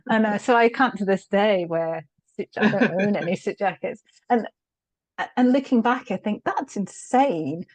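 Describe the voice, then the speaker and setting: Her mid-range voice moves at normal speed on a dry recording. She's a middle-aged British change consultant being interviewed on a show, looking back on her work frankly and casually, often laughing and filling pauses.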